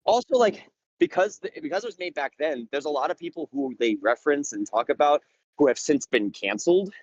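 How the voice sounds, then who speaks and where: A man in casual chat on a podcast, out of breath from walking uphill as he talks, animated and swearing while he tells a story. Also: a little high, brisk, no room sound, lo-fi sound. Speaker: podcast host.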